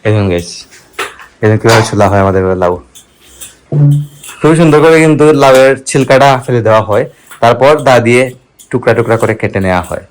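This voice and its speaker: A man narrating a casual family vlog, chatty and often speaking softly to the viewers. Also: mid-range voice, expressive, fast talker, pauses often, soft background music, poor audio. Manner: chatty, addresses viewers as guys, drops to a hush to keep a surprise. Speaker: vlogger.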